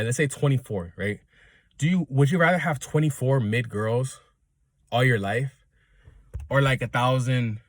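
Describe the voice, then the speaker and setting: A man in his twenties talks off the cuff by himself in a loose, rambling monologue, chuckling often and checking in with the listener. His voice is medium in pitch, with no room sound.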